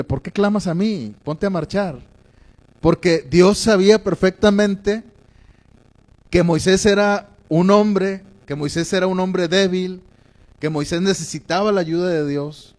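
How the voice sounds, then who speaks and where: Male preacher, fairly high voice, thoughtful sermon delivery with frequent check-ins to the congregation. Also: darkish tone. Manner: reflective, keeps checking in with listeners.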